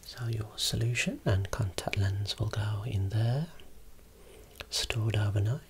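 A voice whispering slowly and softly, showing eye-clinic equipment as an ASMR role-play optometrist. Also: medium pitch, a little hiss or hum. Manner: soft unvoiced whispering, explaining slowly.

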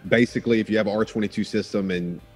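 A man's voice: lowish voice, fairly even intonation, racing, faint music behind. A man in his thirties, a business owner joining a radio interview by video call, explaining things in a matter-of-fact way. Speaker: HVAC business owner, guest. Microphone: video call webcam.

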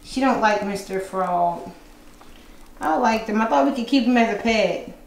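A woman chatting casually and teasingly in an excitable, informal way for a prank vlog. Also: medium pitch, normal speed, gravelly. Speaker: prankster vlogger. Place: indoors in a bedroom. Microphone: handheld camera. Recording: echoey room, slight background noise.

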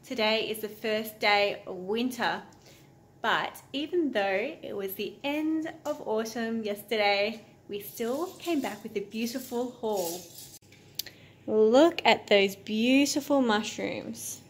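A woman in her thirties chats to a phone camera at arm's length from her kitchen, sounding eager about her haul. Her voice sits somewhat high. A faint hum of room noise sits behind her. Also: slow pace. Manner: chatty, enthusiastic about the haul. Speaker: homesteading vlogger. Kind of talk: casual vlog narration. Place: home kitchen indoors.

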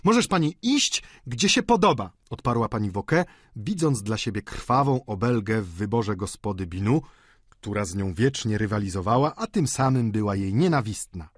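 A man reading an audiobook voices a fretful, wailing middle-aged landlady in a high, pleading voice. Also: expressive, moderate pace, husky, no echo, studio quality. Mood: spiteful.

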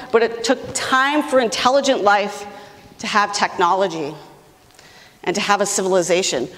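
A woman giving an enthusiastic public science lecture in a large lecture hall, speaking emphatically and talking straight to the audience. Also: mid-range voice. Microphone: far camera, room mic. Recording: distant voice in a reverberant hall.

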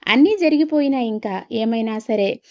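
A woman's voice: a little high, moderate pace, highs cut off, lightly acted. A woman voicing a stern, fed-up older husband who lays down the law firmly to his wife. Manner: firm, scolding.

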